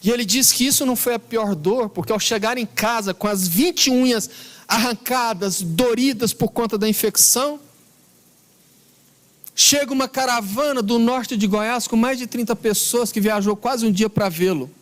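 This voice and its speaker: An extremely high-pitched man with a Brazilian Portuguese accent delivers a spiritist lecture. Earnest and emphatic, he tells a story and slows down on the key words.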